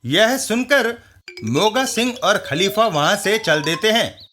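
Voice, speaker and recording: A man narrating a comic storybook in an animated, storytelling way. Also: sits high, measured pace, faint music behind.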